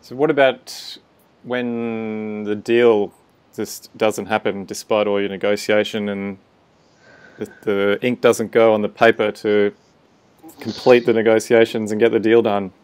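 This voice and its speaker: A man's voice: on the low side, little pitch movement, unhurried, a little mellow, clean tone. A man hosting a podcast interview in a casual, chatty style. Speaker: podcast host.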